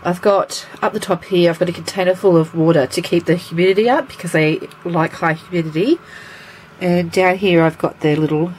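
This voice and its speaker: Stuffy and nasal from a cold, a woman chats casually to a handheld camera at home beside a terrarium, explaining things as she handles her pets for a show-and-tell vlog. Her voice sits low with a darkish tone and fairly even intonation, and she talks briskly. The recording is rough, with slight background noise.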